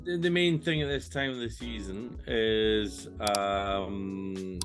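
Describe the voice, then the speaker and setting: A man co-hosting a casual motorsport podcast, talking haltingly with many fillers, his voice breaking up over glitchy, warbling online call audio. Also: on the low side, soft background music. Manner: halting, full of fillers and restarts. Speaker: podcast co-host.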